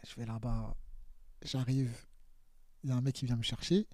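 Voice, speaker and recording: A man in his thirties, a footballer guest on a podcast, telling anecdotes in an animated, casual way, mimicking voices and laughing often. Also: mid-range voice, moderate pace, no room sound, clean studio sound.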